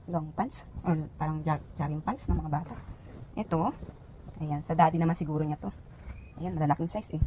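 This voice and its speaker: A woman's voice: sits low, normal speed, pauses often, warm tone, a little hiss or hum, poor audio. A woman from the Philippines, a vlogger chatting casually as she shows off items one by one, with lots of fillers. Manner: chatty, points out each item with frequent fillers. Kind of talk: casual show-and-tell vlog.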